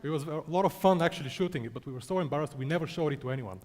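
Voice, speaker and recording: Self-mocking founder on stage. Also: male voice, a little high, racing, darkish tone. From Bulgaria. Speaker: startup founder presenting. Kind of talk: conference talk.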